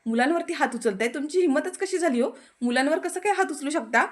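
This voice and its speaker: A woman's voice: sits high, lively intonation, brisk, pitched above the performer's own voice. A woman voicing a caring teacher who earnestly stands up for children, in a serial recap. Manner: earnest, pleading, indignant.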